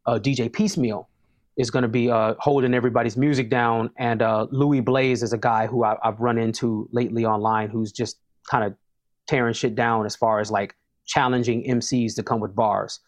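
A man's voice: medium pitch, level tone, moderate pace. A man, a hip hop artist talking casually as an interview guest, emphatic and prone to repeating words as he starts sentences.

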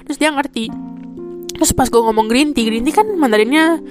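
A young woman from Indonesia hosts her podcast and tells a story in a loose, chatty way, filling her speech with little verbal fillers. Her voice sits a little high. Music plays clearly underneath her talk. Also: a little fast. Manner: chatty, full of fillers like "kayak" and "gitu kan". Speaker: podcast host. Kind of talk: casual storytelling monologue. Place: a room in Taiwan.

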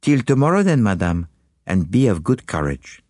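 In this audiobook character voice, a man plays a fastidious, polite foreign detective speaking with precision and slipping in French phrases. His lowish, darkish voice swings widely in pitch at a moderate pace, recorded cleanly in a studio with no room sound.

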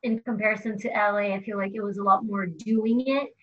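The audio is slightly dull lo-fi. A young Brazilian musician, interviewed as a guest, speaks briskly at medium pitch with fairly even intonation, chatting casually, laughing as she talks and leaning on frequent "like" fillers.

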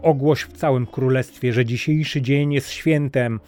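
A man's voice: mid-range voice, fairly even intonation, a little slow, a little mellow, lightly acted. A man voicing a grand old sultan. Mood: joyful. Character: ailing old sultan, weary then overjoyed.

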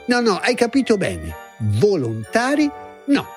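A man's voice: huge pitch swings, a little slow, soft background music, heavily acted. A man voicing a stubborn, touchy unborn boy in a children's fairy-tale audio play. He grumbles and answers with sarcasm. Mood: stubborn, indignant. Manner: grumbling, sarcastic, with wide swings in pitch.

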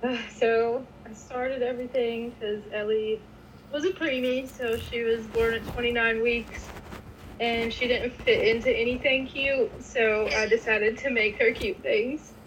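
A woman's voice: a little high, steady tone, a little slow, slight background noise, low-quality recording. A woman co-hosting a podcast, telling an anecdote in casual chat and laughing as she goes. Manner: chatty, laughs through anecdotes. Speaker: podcast co-host.

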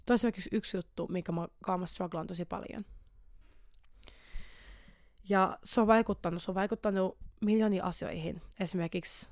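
A young woman hosts her own podcast, speaking openly in an animated, tumbling way, repeating words and restarting phrases as thoughts crowd in. Her voice sits at an ordinary mid pitch. It is recorded close and dry, with no room sound. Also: gravelly, no echo. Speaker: podcast host. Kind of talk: candid personal podcast monologue.

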